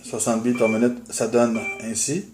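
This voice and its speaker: Patient guitar teacher, roomy sound. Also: male voice, mid-range voice, little pitch movement, moderate pace. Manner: methodical, patient explaining with frequent "euh" fillers. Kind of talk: instructional video. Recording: roomy, with guitar playing in the background.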